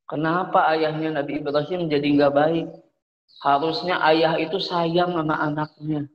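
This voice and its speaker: A man telling a religious story to children, animated and often asking them questions. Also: fairly high pitch, measured pace, highs cut off. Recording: echoey room with long reverb.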